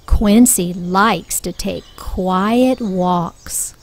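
Slow, gentle woman reading a kids' book. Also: medium pitch, a little hiss or hum. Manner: slow, clear, expressive storytelling. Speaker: children's story reader. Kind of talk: reading a picture book aloud. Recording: soft music bed underneath.

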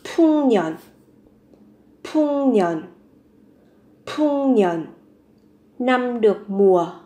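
A woman's voice: a little high, lively intonation, extremely slow, mellow. A woman teaching a vocabulary lesson, saying each word three times and then explaining it patiently. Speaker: language teacher. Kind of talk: vocabulary lesson, repeating words slowly.

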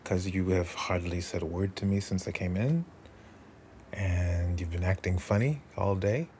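A flustered, pleading boyfriend. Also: male voice, deep voice, a little slow, darkish tone. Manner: pleading, flustered, stammering apologies. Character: flustered young man pleading with his sulking girlfriend. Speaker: actor in a short film. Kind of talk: film dialogue, naturalistic acting. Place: living room of a home. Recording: roomy room echo, faint background hum.

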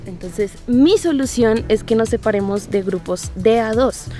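A woman's voice: fairly high pitch, measured pace, dark tone. A woman acting in a comedy skit, laying out a plan confidently. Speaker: friend in the skit. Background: background music.

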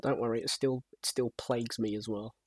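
A young man chatting casually with a friend while gaming, with a husky voice and dry, rambling humor. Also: mid-range voice, steady tone, fairly quick, no room sound. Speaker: co-host.

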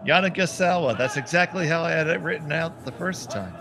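Calling curling play-by-play, this Philadelphia-accented commentator trades playful banter with his broadcast partner. He sounds a little high and brisk, with vocal fry, over background noise.

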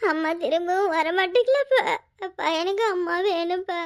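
A woman's voice: very high-pitched, expressive, normal speed. A woman voicing a crying little child in a cartoon, begging tearfully for its mother. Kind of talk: cartoon voice acting.

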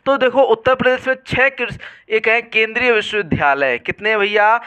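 Male exam tutor, high clear voice, quizzing style. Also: normal speed, sharp tone. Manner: quizzing, repeats questions back to students. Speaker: exam prep teacher. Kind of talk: online exam lesson.

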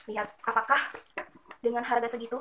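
High, quick young woman over loud noise. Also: flat delivery. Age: young adult. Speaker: online snack reviewer. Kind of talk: casual unboxing chat. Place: small room at home. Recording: very noisy room, crinkling packaging.

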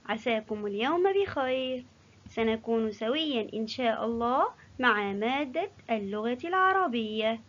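A woman teaching a kindergarten class, slow, sing-song and encouraging. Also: a little high, a bit bright, muffled recording. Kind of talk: teaching young children.

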